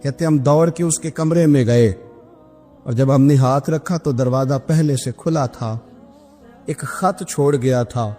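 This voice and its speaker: A male preacher tells religious stories in an Islamic sermon, animatedly acting out the people in them with big pitch swings. The recording is in an echoey hall with background music.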